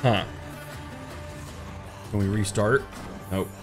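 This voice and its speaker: A man's voice: fairly low pitch, takes it slowly, over music. A man in his thirties hosting a casual let's play, thinking aloud in an easygoing way. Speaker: gaming channel host. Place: indoor room.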